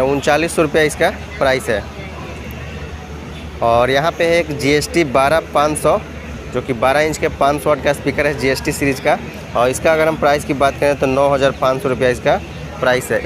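A man vlogging through an expo hall, listing models and prices in a steady, repetitive way. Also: fairly high pitch. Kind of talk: walkthrough vlog listing prices. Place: busy indoor trade expo hall. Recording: noisy expo hall phone recording.

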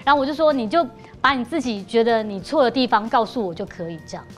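A woman, a mother on a TV talk show, telling an anecdote in a lively way and acting out what was said. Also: a little high, fast talker, faint music behind. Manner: lively, acts out quotes. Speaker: guest, mother. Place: TV studio.

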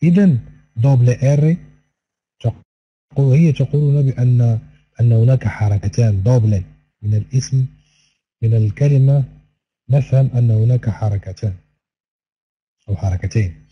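A man giving a recorded online language lesson, repeating each word slowly and stretching its vowels. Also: medium pitch, slightly rough, lo-fi sound. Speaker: Spanish teacher.

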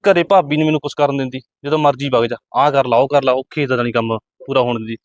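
A man's voice: medium pitch, steady tone, fast, no room sound, muffled recording, lightly acted. A man from Punjab playing a poor, weary village farmhand who grumbles and complains to himself in a farmyard. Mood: grumbling.

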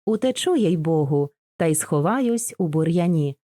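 A young village girl, anxious and tender, pleading through tears, as a woman reads her part. The voice is mellow and close, with a dry, roomless sound. It is a storybook reading. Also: fairly low pitch, expressive, normal speed, no room sound, close to an everyday voice.

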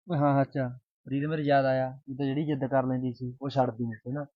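A man's voice: mid-range voice, flat delivery, fast talker, no echo, lightly acted. A young man plays a lovesick village lad, mournful and pleading. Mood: grieving. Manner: mournful and pleading, dropping his voice. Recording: tinny phone-like sound.

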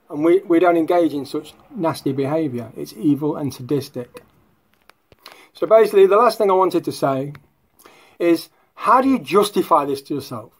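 A man's voice: on the high side, breathy edge. A man hosting a casual vlog, talking in a mocking, sardonic way. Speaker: YouTube host.

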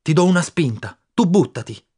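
Audiobook figure: a desperate young boy, urgent and pleading, husky and pitched up high, as a male reader puts him on. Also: lively intonation, moderate pace, warm tone.

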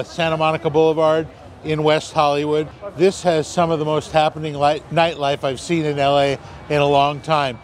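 A man hosting a food vlog, calmly explaining each dish step by step in casual commentary, on a busy street. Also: a little high. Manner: easygoing, explains dishes step by step. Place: outdoors on a busy city street. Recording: busy crowd noise outdoors. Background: crowd chatter and passing traffic.

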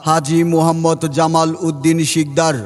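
Flat-voiced man booming through a loudspeaker. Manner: slow, formal and drawn out, like a loudspeaker caller. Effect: loudspeaker announcement with long reverb. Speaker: event announcer. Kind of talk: formal public announcement. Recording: long reverb with faint music behind.

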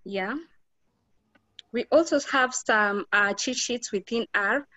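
A woman with a Kenyan accent explains software step by step as an instructor, informally and a little hesitantly. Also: fairly high pitch, takes it slowly, dry recording.

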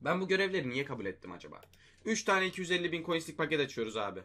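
A man's voice: fairly high pitch, sing-song, very fast, sharp tone. A man hosting a mobile game video, talking through his gameplay in casual commentary, often exasperated and talking to himself and his viewers. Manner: exasperated, talks to himself and viewers, mild swearing.

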